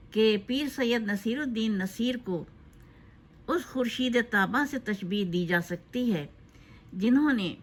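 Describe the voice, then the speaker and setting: A woman giving a spoken tribute in a loose, unscripted way, pausing often with fillers. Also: a little high, fairly bright tone. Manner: hesitant, with frequent filler pauses. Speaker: narrator of a tribute video.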